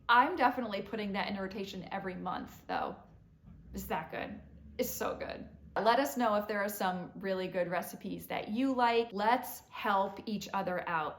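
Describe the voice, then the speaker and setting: A woman talks straight to her viewers in a casual vlog, chatty and enthusiastic, often drifting into a side story before getting back to her point. Her voice sits at an ordinary middle pitch. The room around her adds a clear echo. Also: a bit bright. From Vermont. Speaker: vlogger. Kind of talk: casual vlog talk to camera.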